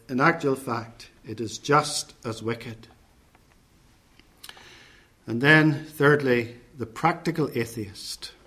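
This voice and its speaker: A man preaching a sermon in a measured, deliberate way, setting out points one by one and listing phrases with care. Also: a little high, a bit bright.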